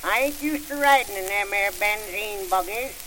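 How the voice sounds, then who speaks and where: A man's voice: sits high, moderate pace, bright, forceful tone. A man playing a folksy, nervous old uncle with a rural American drawl, in the style of an early 1900s comic sketch. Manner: rustic drawl, homespun exclamations. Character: folksy old country uncle, nervous, wide-eyed, chuckling. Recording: very noisy, crackling antique record.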